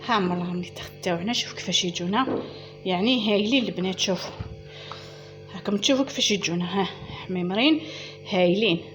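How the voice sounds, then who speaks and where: Chatty Algerian woman, home baking host, quick instructive patter, clear music bed behind. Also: medium pitch. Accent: Algerian Arabic. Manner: chatty and instructive, addressing viewers as "girls". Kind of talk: casual cooking tutorial.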